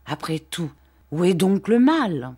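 A woman's voice: lowish voice, very animated, slow pace, dark tone, breathy edge, heavily acted. A woman voicing a sly, falsely humble male clerk who fawns and threatens by turns in a storybook reading. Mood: wheedling.

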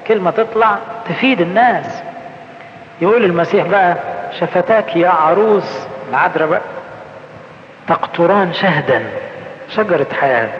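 A man with an Egyptian accent preaching a conference sermon in colloquial speech, asking questions and answering them himself, slowing down when he quotes scripture. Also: high voice, a little hiss or hum. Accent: Egyptian Arabic. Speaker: priest. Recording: echoey hall, slightly dull sound.

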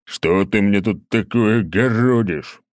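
A man voicing a towering, stern old prince who scolds slowly in a booming voice. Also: darkish tone, dry recording, clean studio sound.

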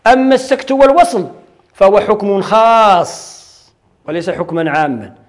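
A man's voice: high-pitched, moderate pace. A man with a Moroccan accent teaching Quran recitation rules in a classroom lecture, explaining step by step and answering his own questions.

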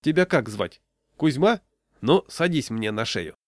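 A man reading a storybook and voicing a blunt, gruff adult man. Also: medium pitch, animated, measured pace, dry recording, clean studio sound, close to an everyday voice. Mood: cheery.

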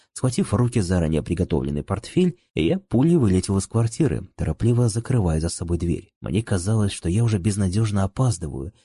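Deep, husky male audiobook narrator. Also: dark tone, dry recording. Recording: dry close recording.

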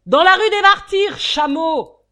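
A woman voicing a bold, scheming male fugitive who talks briskly and gives orders, in an audiobook. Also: mid-range voice, sing-song, darkish tone. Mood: impatient.

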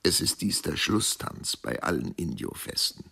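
A man narrating a radio drama in a measured, expressive storytelling manner. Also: a bass voice, gravelly, breathy edge.

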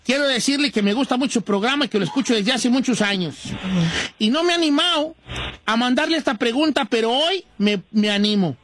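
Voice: mid-range voice, fairly quick, a bit bright. A radio host earnestly reading a listener's confessional letter aloud in the first person.

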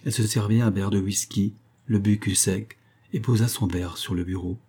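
A male narrator reads a novel aloud in a measured, even way. His voice is low and dark, with a husky grain. The pacing stays steady throughout. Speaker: audiobook narrator. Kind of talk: scripted literary narration.

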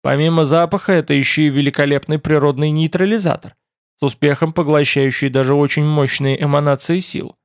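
A man's voice: fairly high pitch, fairly even intonation, fairly quick, no echo, studio quality, natural voice. Man reading as a wry, teasing young companion.

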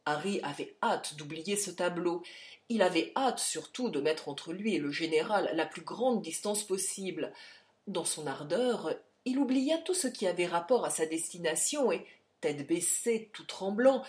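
A woman narrating a classic story as an audiobook reader, in an expressive reading manner. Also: lowish voice, unhurried. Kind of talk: scripted narration.

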